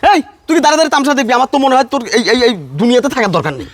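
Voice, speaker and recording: Lecturing neighbor man, fast high voice, male cast. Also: expressive, dry recording. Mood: scolding. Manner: lecturing, admonishing. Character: neighbor man, scolding peacemaker. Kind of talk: melodramatic family drama acting.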